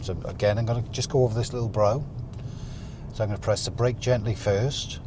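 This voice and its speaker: A man talking through a driving lesson as an instructor, calmly explaining each step while he drives. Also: on the low side, a little fast. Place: inside a moving car. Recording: car interior with faint vehicle noise.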